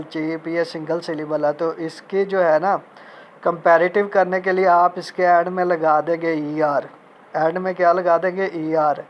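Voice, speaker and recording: A man teaching a recorded grammar lecture in Urdu, reading out English example sentences and repeating each point slowly. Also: on the high side, lo-fi sound, a little hiss or hum. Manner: mixes Urdu speech with spoken English examples.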